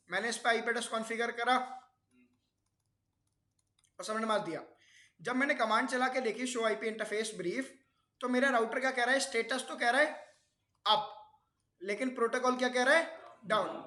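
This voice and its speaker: A man's voice: extremely high pitch, pushed and bright, roomy sound. A man teaching a networking class, explaining step by step and often quizzing his students with questions. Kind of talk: classroom lecture.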